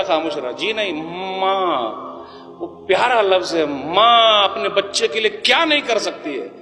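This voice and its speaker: A man giving an impassioned sermon to a congregation, questioning the audience and swinging between loud and soft. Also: high-pitched, big-room sound. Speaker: preacher. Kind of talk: Urdu sermon to a live congregation.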